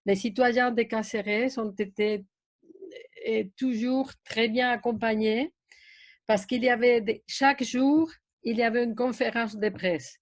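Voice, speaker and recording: Slow, halting woman with a Spanish accent. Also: a little high, steady tone, no room sound. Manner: hesitant, halting non-native French. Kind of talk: spontaneous panel remarks.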